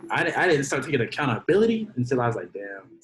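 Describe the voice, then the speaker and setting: A man in his twenties, a podcast guest in casual chat, laid-back and slangy and quick to poke fun at himself. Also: medium pitch, sing-song, noisy background. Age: 20s.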